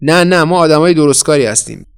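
Wary woman refusing at her door, higher and louder; male reader doing her. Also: animated, vocal fry, clear, resonant tone. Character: suspicious stout woman at a caravan door.

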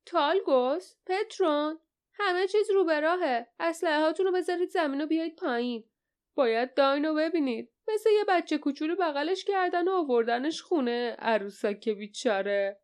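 A woman voicing a small, wiry, boisterous man who teases and calls out loudly in an audiobook. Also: a little high, expressive, clean tone, lightly acted. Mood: teasing. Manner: teasing, loud and gleeful. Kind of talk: audiobook character voice.

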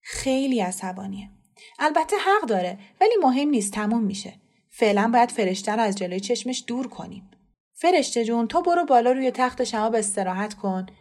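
A woman voicing a calm, reassuring mother. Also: a little high. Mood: soothing. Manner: reassuring, brisk. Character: calm, quick-thinking mother soothing others.

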